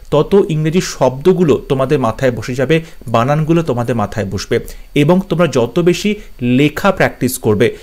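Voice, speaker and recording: A man teaches English spelling for competitive exams, and his voice sits slightly high. He spells each word out letter by letter and repeats the key words often. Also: a little mellow. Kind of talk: spelling lesson for exam students.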